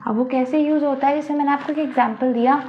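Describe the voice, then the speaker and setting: A woman's voice: high voice, fairly even intonation, quick pace. A woman teaching French pronunciation in an online lesson, explaining patiently and repeating each example word. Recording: dull lo-fi, faint noise.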